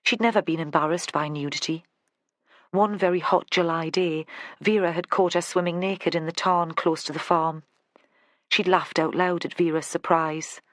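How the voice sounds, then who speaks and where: An audiobook narrator reading a crime novel with steady, even storytelling. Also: medium pitch, normal speed, no room sound. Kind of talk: scripted narration.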